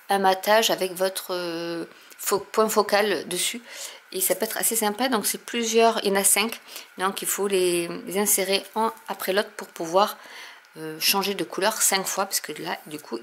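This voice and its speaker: Woman host, casual unboxing chat, mid-pitched voice, faint background hiss. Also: fairly bright tone. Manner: chatty, many fillers, explains while showing products. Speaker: crafting channel host.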